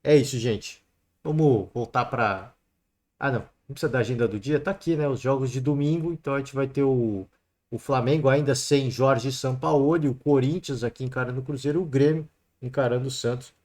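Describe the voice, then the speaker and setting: A man's voice: medium pitch, brisk, darkish tone. Chatty Brazilian man talking football. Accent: Brazilian Portuguese. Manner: chatty, peppers talk with "né" and "cara". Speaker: sports podcast host. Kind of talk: solo football commentary.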